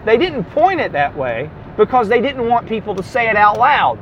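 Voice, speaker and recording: A man's voice: high-pitched, very animated, moderate pace, a bit bright, lo-fi sound, a little hiss or hum. A man with a Southern US accent giving a classroom lecture on the Bible, explaining step by step, spelling out letters and correcting himself as he goes. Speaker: Bible teacher.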